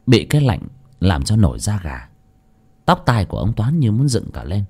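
A man narrating a ghost story with a lively, dramatic reading. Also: fairly low pitch, normal speed, slightly rough.

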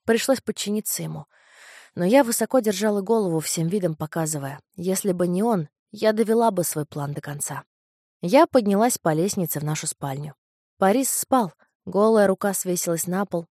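Woman narrating a novel, low and close. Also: mellow, no room sound. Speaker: audiobook reader. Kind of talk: first-person novel narration.

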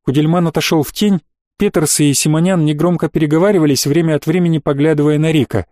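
A man reading an audiobook as narrator in even, measured storytelling. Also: fairly high pitch, dry recording, clean studio sound. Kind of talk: scripted narration.

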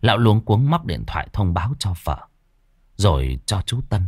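A male storyteller narrating a ghost story in a lively, dramatic way. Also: fairly low pitch, moderate pace, no echo, clean studio sound.

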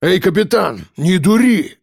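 A blunt male prisoner growls and barks his lines, as a man voices him. The voice sits a little raised and loud, in a dry, close sound. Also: sits high, big pitch swings, a little slow, creaky, breathy edge, dry recording, voice pushed up, exaggerated voice. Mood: gruff. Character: gruff, blunt middle-aged man prisoner.

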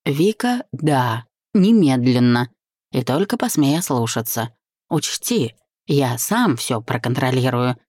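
A woman's voice: rumbling low, big pitch swings, slow, darkish tone, no room sound, clean studio sound, exaggerated voice. Woman reading a teasing, bossy young husband. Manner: playful, bossy, tender. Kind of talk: audiobook reading.

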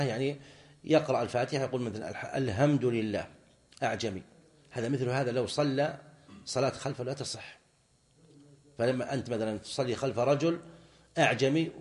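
A man's voice: medium pitch, darkish tone. A man teaching a classical legal text, explaining term by term and repeating key phrases as he goes. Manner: explains slowly, repeats phrases, demonstrates recitation. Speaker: sheikh teaching a fiqh book.

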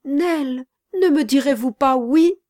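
Small weeping boy voiced by a woman, high pleading voice, storybook reading, dry sound. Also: slow, dark tone, no room sound. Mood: pleading, tearful.

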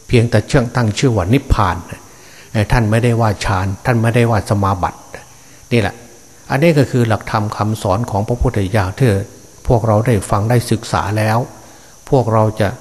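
A man's voice: fairly low pitch, fairly even intonation, brisk, a little mellow. An older man, a Buddhist monk, giving a fatherly Dharma sermon with frequent hesitant fillers, speaking to his listeners as his children and grandchildren.

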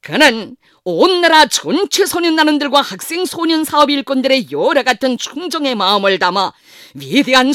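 A man's voice: very high voice, fairly bright tone, no room sound, clean studio sound. A man with a North Korean accent reading formal scripted news as an announcer, in a solemn, reverent, declamatory manner.

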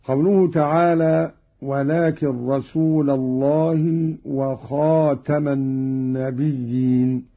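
Slow, husky man explaining recitation. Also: mid-range voice, flat delivery. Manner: measured, switches to slow melodic chanting for verses. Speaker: Quran reading teacher. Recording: dull lo-fi recording.

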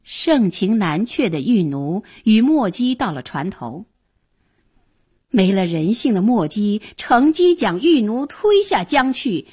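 A woman storyteller narrates in a traditional, dramatic style. Her slightly husky voice rises and falls widely, and she takes her time with each phrase. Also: mid-range voice, very animated, slow pace, darkish tone.

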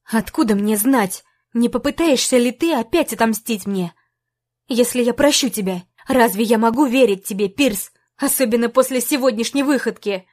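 A woman voicing a furious young woman shouting. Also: a little high, normal speed, natural voice. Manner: shouting angry accusations.

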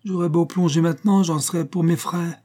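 A man's voice: medium pitch, moderate pace, warm tone, voice pushed up, close to an everyday voice. A man reading aloud voicing a sly, easy-going young husband who teases his father-in-law. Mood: sly, lively. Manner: easy-going, phlegmatic, mocking.

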